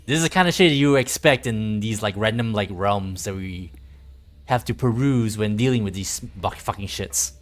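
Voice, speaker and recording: A game streamer rambles through casual livestream commentary, chatting informally and swearing now and then. His voice is lowish and his pace moderate, with game music playing in the background.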